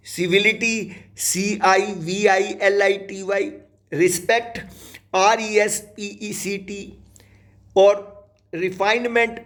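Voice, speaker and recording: A man's voice: high-pitched, fairly bright tone. A man teaching an English lesson, who spells each word out letter by letter and calls his viewers "dear children".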